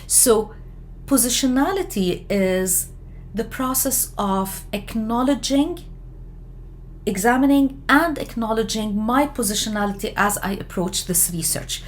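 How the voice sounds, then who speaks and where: A woman from Lebanon giving an explanatory lecture on research methods, talking in a measured way with frequent fillers and self-corrections. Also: a little high, expressive, a little hiss or hum. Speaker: education lecturer.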